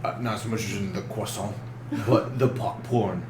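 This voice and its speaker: A man's voice: fairly low pitch, steady tone, moderate pace, a loud crowd. A man playing a tabletop role-playing game, bantering casually in and out of character. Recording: echoey room.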